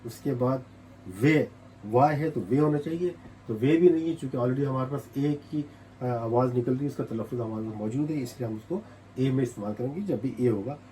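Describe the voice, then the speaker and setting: A man's voice: medium pitch, moderate pace, dark tone, a little hiss or hum, low-quality recording. A man from Pakistan with a Pakistani Urdu accent, teaching a step-by-step writing lesson and patiently repeating each sound as he writes. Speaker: language teacher.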